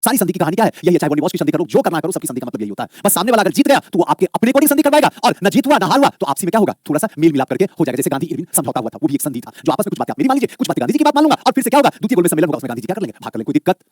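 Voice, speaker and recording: A man's voice: fairly high pitch, no room sound, clean studio sound. A man teaching history, coaxing students and answering his own questions. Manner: fast, lively, repeats questions and answers them himself; coaxing, calls students "babu". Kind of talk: live online exam-prep lecture.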